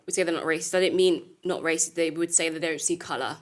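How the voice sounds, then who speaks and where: A woman's voice: low voice, quick pace, a crowd in the background. A young woman who grew up in Italy, a student, chatting thoughtfully and laughing easily on a podcast. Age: young adult. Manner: giggly, thoughtful, apologetic. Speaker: student guest. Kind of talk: casual podcast chat.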